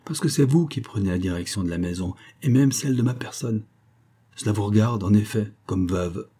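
A man's voice: lowish voice, a little fast, mellow, husky. A man voicing a cheeky young husband who plays the innocent schoolboy, reciting in a teasing singsong. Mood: mock-innocent.

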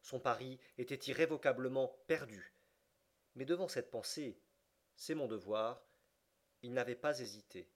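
A man narrates a classic adventure novel in an audiobook. He reads steadily and slows down for the dramatic passages. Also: medium pitch.

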